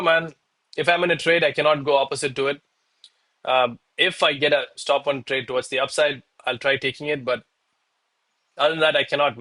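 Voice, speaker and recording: A man's voice: on the high side, fairly bright tone. A man livestreaming casual commentary to his chat as a trading streamer, with an informal, bro-heavy gym-bro way of talking. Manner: bro-heavy, hyped gym-bro style talk; informal, addresses viewers as bro, man, guys.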